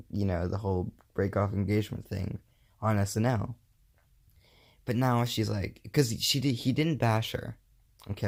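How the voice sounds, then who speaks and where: Young male podcast host, low gravelly voice, rambling casual delivery. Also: darkish tone. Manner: rambling, self-correcting, lots of fillers. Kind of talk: casual solo podcast chat.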